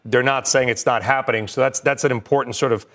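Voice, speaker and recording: An American man anchoring live business news, giving rapid market updates and breaking-news commentary in short, clipped phrases. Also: medium pitch, fairly even intonation, fairly bright tone.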